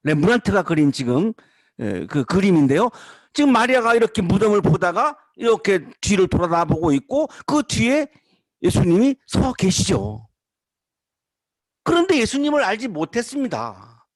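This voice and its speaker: A man's voice: high-pitched, very animated, moderate pace, dry recording. A man preaching a sermon, building emphasis through repeated rhetorical questions. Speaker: pastor.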